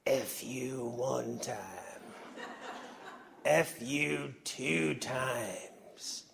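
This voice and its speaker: A man imitating a prim older southern gentleman chanting a cheer in a drawn-out Southern US drawl. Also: medium pitch, steady tone, creaky, background noise, pitched below the performer's own voice, exaggerated voice. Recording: reverberant convention hall.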